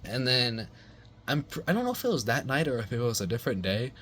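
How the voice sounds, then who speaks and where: A man's voice: medium pitch, very animated, fast talker, fairly bright tone, slight background noise. A young man casually telling a rambling personal story, full of swearing, slang and fillers.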